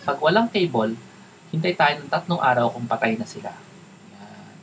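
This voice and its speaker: A Filipino man hosts a home-based online webinar, teaching in a loose, chatty way and slipping between Tagalog and English. His voice sits in a middle pitch. A steady noise runs under the speech. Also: normal speed, poor audio. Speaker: webinar host and virtual assistant trainer. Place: home office with a baby nearby.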